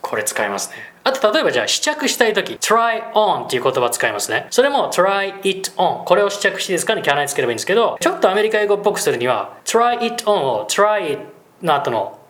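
A man who runs an English school, explaining travel phrases in a casual lesson and slowing down to model English examples. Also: sits high. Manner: lively, drops into slow English demo phrases. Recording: roomy echo.

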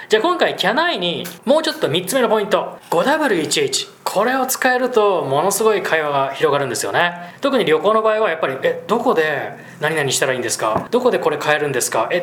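A man who heads an English school gives a casual, animated lesson, talking quickly and then slowing for demo phrases. The sound is roomy and echoey. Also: fairly high pitch. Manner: lively, drops into slow English demo phrases. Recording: roomy echo.

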